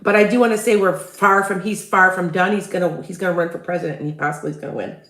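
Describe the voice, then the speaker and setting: Talking quickly with fairly even intonation, this woman has a lowish, fairly bright voice in an echoey room. She's a Chicago-accented Midwestern psychic hosting a casual livestream who rambles, restarts constantly, and asks viewers for tips.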